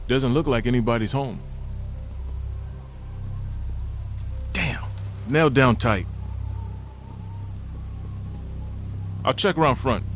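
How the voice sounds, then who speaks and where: A man's voice: medium pitch, a little fast, soft background music, lightly acted. An actor playing a blunt, folksy, defensive man in a dramatic video game. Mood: wary. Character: plain-spoken, defensive male survivor.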